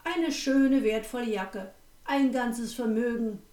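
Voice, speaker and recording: A woman's voice: on the high side, a little fast, roomy sound, recorded from a distance, natural voice, rough recording. A woman doing a harsh, scornful innkeeper man. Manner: shouting, mocking. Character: harsh scornful male innkeeper, loud and contemptuous.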